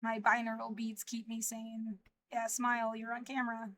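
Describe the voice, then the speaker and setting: A woman in her thirties speaking in a livestreamed personal monologue, anxious and rambling, halting with frequent restarts. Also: on the high side, monotone, fairly bright tone. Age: 30s.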